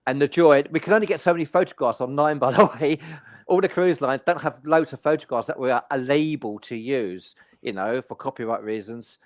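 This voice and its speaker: A man's voice: medium pitch, brisk, dry recording, clean studio sound. A man hosting a casual travel chat, reading out details and handing over to his guests. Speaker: host. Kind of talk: casual presenting.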